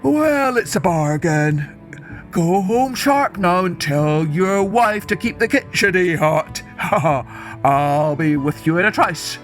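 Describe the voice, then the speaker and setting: A woman voicing a greedy, inquisitive male bear in a children's story, speaking slowly and politely. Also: fairly low pitch, animated, faint music behind. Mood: gleeful. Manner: slow, wheedling, polite.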